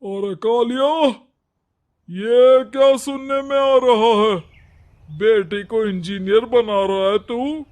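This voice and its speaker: A man's voice: very high voice, slow pace, a little mellow. A man playing a stern, domineering village headman in a cartoon moral story, with a commanding, scornful manner. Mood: scornful, suspicious.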